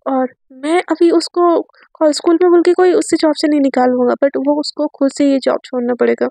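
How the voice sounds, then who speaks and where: A domineering rich father barking threats and scolding, as a woman narrator puts him on in her own high voice. The sound is dry and close. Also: fairly even intonation, moderate pace, vocal fry, mellow, no room sound. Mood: threatening. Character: angry powerful businessman father, domineering.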